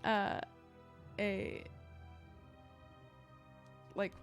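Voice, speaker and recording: A woman running a tabletop game as game master, at a middling pitch. She narrates in a chatty, improvised way, full of fillers and restarts. Faint music sits underneath. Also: level tone, drawn-out words.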